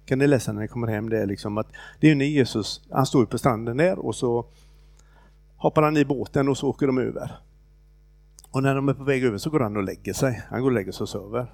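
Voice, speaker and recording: This is a man delivering a relaxed, unscripted sermon and retelling a scripture passage in his own words. His voice has a gravelly, fry-tinged texture at a middle pitch. He talks haltingly, with fillers and restarts, and the recording is close and dry. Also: no echo. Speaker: preacher. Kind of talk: informal sermon retelling a Bible story.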